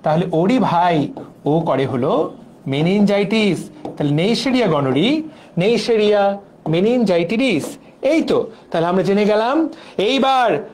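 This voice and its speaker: A man's voice: high-pitched, lively intonation, unhurried, pauses often, a little mellow, slight background noise. A young man from Bangladesh teaching a biology exam-prep class, drilling memory tricks through repetition. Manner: playful, drills mnemonics with repetition. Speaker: biology lecturer.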